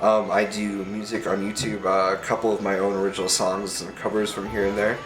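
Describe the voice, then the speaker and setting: Low-voiced man hosting a podcast in an echoey room. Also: little pitch movement, brisk, over music. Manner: loose and rambling, with fillers. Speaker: podcast host. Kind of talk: casual chat.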